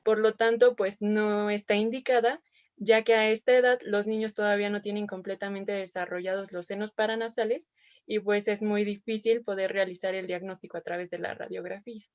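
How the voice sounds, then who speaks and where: A woman's voice: mid-range voice, flat delivery, a little fast, dry recording. Woman, medical student, careful and methodical, dry dull lo-fi audio. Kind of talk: class answer.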